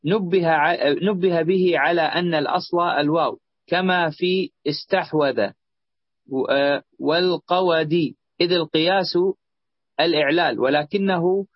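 A male student reading a grammar text aloud with steady delivery and small slips. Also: on the high side, no echo. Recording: dull lo-fi recording.

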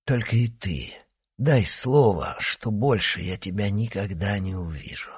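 Brief: grim young man turning werewolf, very low and husky, read by a male narrator. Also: unhurried. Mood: threatening. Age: young adult.

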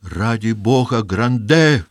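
A man's voice: sits low, slow, breathy edge, no echo, studio quality, exaggerated voice. A man voicing a sick, frightened older mother who cries out in anguish from her bed. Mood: crying out. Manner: crying out, anguished.

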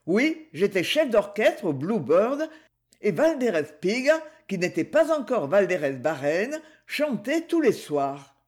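A woman's voice: medium pitch, a little mellow. A woman reading as a jealous vengeful bandleader. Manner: cold, cynical.

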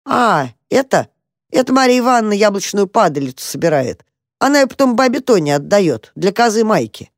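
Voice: mid-range voice, brisk, no room sound, clean studio sound, pitched above the performer's own voice. A storyteller voicing an eager, bossy young male mouse who coaxes his little brother along. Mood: coaxing. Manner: coaxing, excitable. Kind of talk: storybook character voice.

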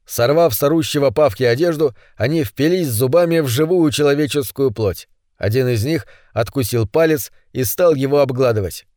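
A man reading a dark story aloud in a measured, tense storytelling voice. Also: mid-range voice, dry recording, studio quality. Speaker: audiobook narrator. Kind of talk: dramatic story narration.

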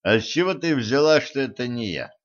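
A man reading a stern, sarcastic immortal man who speaks slowly and low, with dry humor. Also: big pitch swings, highs cut off, natural voice. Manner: slow, low, dryly mocking.

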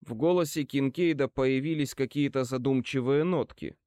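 A man narrating an audiobook in the first person with a brisk, expressive reading. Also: mid-range voice, clean tone, dry recording, clean studio sound.

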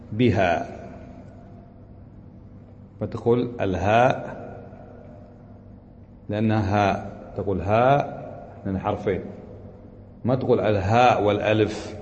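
A man's voice: fairly low pitch, slow pace, pauses often, a little mellow, lo-fi sound, a little hiss or hum. A man teaching a classroom grammar lesson, patiently quizzing his students and repeating the rules.

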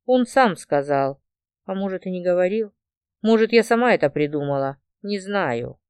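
A woman reading an audiobook, telling a first-person story with emotion. Her voice is smooth and resonant, recorded close and dry with no room sound. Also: on the low side, expressive, normal speed, darkish tone, no room sound. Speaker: narrator.

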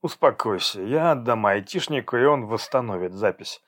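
A man's voice: mid-range voice, expressive, normal speed, a bit bright. A man reading an audiobook, voicing a stern, domineering man who speaks in curt commands. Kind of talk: audiobook character voice.

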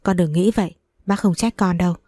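A woman reading the part of an older mother-in-law who talks slowly and soothingly but snaps at her daughter-in-law. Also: on the low side, mellow, no echo, studio quality, lightly acted. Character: older mother-in-law, doting yet harsh.

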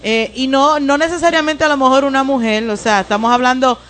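A woman speaking as a guest on a church talk program. She talks in a casual, halting way and stumbles over fillers as she gathers her thoughts. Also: high voice, a bit bright. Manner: hesitant, many fillers, laughs while praising.

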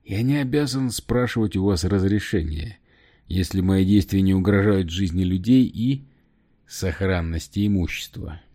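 A man's voice: sits low, normal speed, dark tone. A male audiobook reader voicing a sardonic, defiant operative with a cool, cutting manner. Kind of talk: audiobook character voice.

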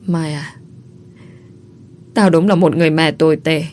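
A woman's voice: low voice, fairly even intonation, fast, darkish tone. A woman reading a first-person story aloud, earnest and heartfelt. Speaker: audiobook narrator.

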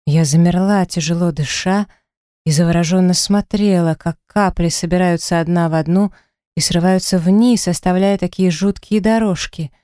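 Woman reading an audiobook, lowish mellow voice, dramatic first-person telling, dry studio mic. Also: normal speed, dry recording. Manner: expressive, dramatic storytelling. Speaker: audiobook narrator. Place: recording studio.

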